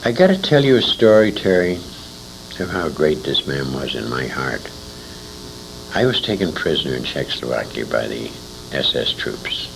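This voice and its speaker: A bass voice with a creaky, sing-song quality carries this older American man's reminiscences at a moderate pace. Interviewed on a noisy amateur 1980s convention recording, he spins rambling, emphatic anecdotes and turns aside to speak to his listener.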